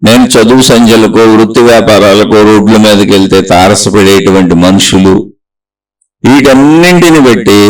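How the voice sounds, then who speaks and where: Man, spiritual teacher, gravelly voice, a bit off-mic, slow reflective discourse. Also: on the low side, far from the mic, rough recording. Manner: slow, reflective, listing examples.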